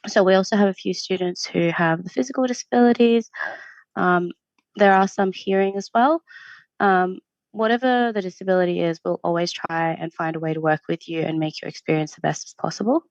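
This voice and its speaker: A woman's voice: on the low side, steady tone, fairly quick, no room sound. A woman from Syria working in university student support, answering interview questions in a friendly, earnest way with frequent ums. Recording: dull lo-fi stream audio.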